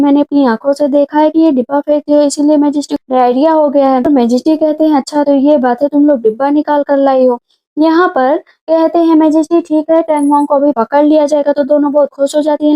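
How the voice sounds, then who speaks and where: A woman narrating a drama recap in a casual storytelling way, speaking the characters' lines in her own voice. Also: sits high. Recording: dull lo-fi sound.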